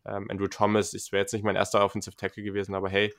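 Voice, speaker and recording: A man's voice: fairly low pitch, monotone, racing, vocal fry. A man talking casually and enthusiastically as a panelist on a sports podcast, with frequent fillers.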